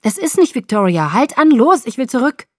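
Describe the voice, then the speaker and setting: A woman's voice: a little high, lively intonation, normal speed, no echo, clean studio sound. A woman voicing an anxious young woman who pleads urgently.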